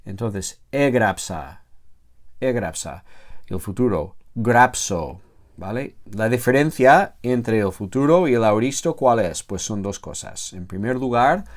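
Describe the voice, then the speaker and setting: Slow and full of fillers and self-corrections, a male theology teacher works through a grammar lecture, stretching out each word form he spells. His voice is expressive and sits in the mid range.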